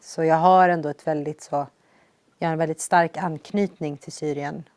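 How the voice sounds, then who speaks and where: A young woman with a low voice telling her own life story in an earnest, reflective way, raising her energy when she re-enacts quoted lines. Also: steady tone, a little mellow, smooth, no room sound. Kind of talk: personal storytelling testimony.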